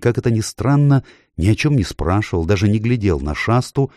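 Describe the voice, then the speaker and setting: A man reading a children's fantasy story aloud as an expressive narrator. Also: fairly low pitch, no echo, clean studio sound. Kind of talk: audiobook reading.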